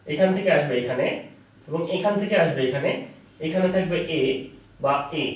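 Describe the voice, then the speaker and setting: Man teaching from far off in an echoey room. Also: high voice. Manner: slow, repetitive chanting of letter sounds. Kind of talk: children's phonics lesson.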